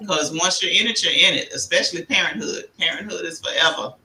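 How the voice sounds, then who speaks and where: Direct co-host woman, very bright tone. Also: on the low side, fairly quick, low-quality recording. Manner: direct, advising.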